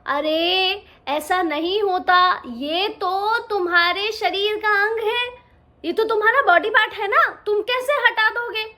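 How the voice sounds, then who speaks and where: A patient grandpa elephant, as a woman puts him on, explaining gently in a high, bright voice. He talks slowly in a storybook tale. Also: exaggerated voice. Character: wise old grandpa elephant.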